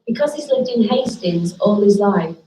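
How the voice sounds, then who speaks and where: A woman giving calm, measured scripted narration for a documentary. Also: medium pitch, roomy sound, a little hiss or hum, low-quality recording.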